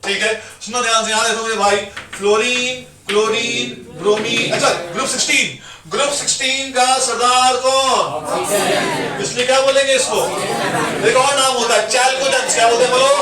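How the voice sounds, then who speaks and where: A man's voice: very high voice, fairly even intonation, fairly quick. A man teaching a classroom, drilling mnemonics in a sing-song call-and-response way. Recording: echoey classroom from far off, loud crowd.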